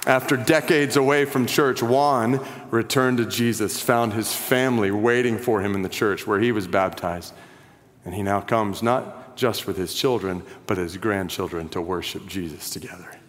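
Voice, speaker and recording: A man preaching a sermon as a pastor, earnest, his voice dropping low and quiet at the ends of phrases and rising when he appeals to listeners. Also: normal speed. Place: church sanctuary. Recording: long reverb of a large hall.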